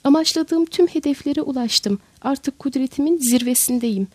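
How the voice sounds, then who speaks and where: An older sultan speaks in sharp, imperious commands, read out by a woman narrator in her own high voice. The sound is dry and close, with no room around it. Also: moderate pace, no echo, lightly acted. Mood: boastful. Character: proud frightened older male sultan.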